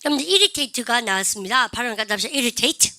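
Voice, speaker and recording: Bright, dry-voiced grammar teacher woman. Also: on the high side, expressive, no echo. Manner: drills the class, prompting "시작" and modelling slow English phrases; chatty, keeps asking "아시죠?" and "그죠?". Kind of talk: lively classroom grammar lecture.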